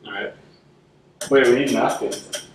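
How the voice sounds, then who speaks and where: A man's voice: medium pitch, level tone, a little slow, noisy background. Easygoing young man in an echoey room. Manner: joking, easygoing, squeamish. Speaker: vlogger. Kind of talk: casual chat. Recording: echoey room, far mic, faint music.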